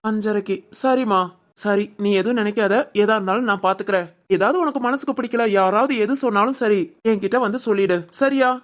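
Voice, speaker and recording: A voice actor playing a calm, protective older brother in an animated family drama, with a Tirunelveli Tamil accent. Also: medium pitch, a little fast, lightly acted.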